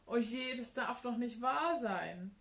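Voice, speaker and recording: A woman voicing an embarrassed, tearful schoolgirl in a children's story, pitched higher and stammering. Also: animated, takes it slowly, vocal fry, fairly bright tone, echoey room, full character voice. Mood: panicked. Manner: anxious, stammering.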